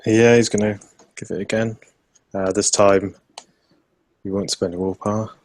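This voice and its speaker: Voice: sits low, little pitch movement, moderate pace, darkish tone. A player at a tabletop role-playing game, making dry, sarcastic remarks about the dice.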